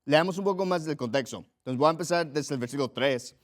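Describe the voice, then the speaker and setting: Guy preaching a sermon, earnest and emphatic, repeats stuff, voice a bit on the high side. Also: fast. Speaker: pastor.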